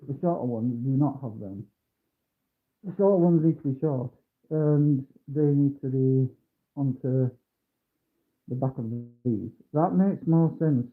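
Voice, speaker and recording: A man livestreaming while building a kit, his voice muffled as though through a mask or a wall, mumbling and humming to himself. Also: fairly high pitch. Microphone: phone mic. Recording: tinny muffled phone audio.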